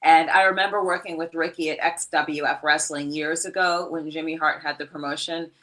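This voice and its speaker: A middle-aged woman trades brash, joking stories on a casual podcast. Her voice is bright and forceful but sits somewhat low in pitch. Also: steady tone, a little fast, poor audio. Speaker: guest wrestler.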